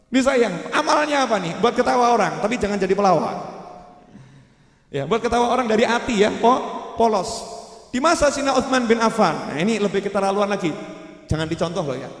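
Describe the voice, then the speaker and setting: A man preaches to a congregation in a lively storytelling manner, slipping into the voices of the people in his tales. His voice sits high. It rings with a long reverb in a large, roomy prayer hall. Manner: lively storyteller who acts out quoted voices. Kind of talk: storytelling sermon.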